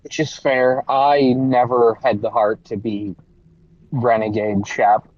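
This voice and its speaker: A man's voice: mid-range voice, little pitch movement, slow pace, darkish tone, no room sound. A man in casual, joking chat on a game stream, his voice muffled as if through a wall from inside a car. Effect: muffled, dull sound, as if through a wall.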